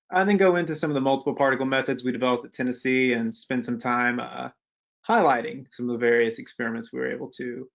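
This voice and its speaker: A man's voice: medium pitch, vocal fry, highs cut off. Young man giving a webinar. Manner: casual, conversational, with many fillers and restarts. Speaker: webinar presenter, postdoctoral researcher. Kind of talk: technical webinar presentation.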